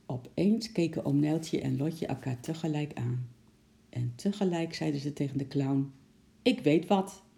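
A reader narrating a children's storybook aloud in a calm, even way. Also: mid-range voice, normal speed, vocal fry.

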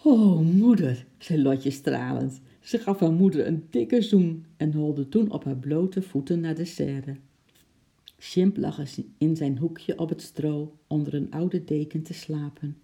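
A children's story read aloud in a calm, unhurried voice. The tone is deep-toned and mellow, with a gravelly roughness and a mid pitch. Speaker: storybook narrator.

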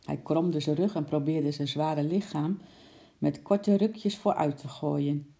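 Low gravelly woman reading a storybook. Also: fairly even intonation, slow, dark tone. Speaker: narrator.

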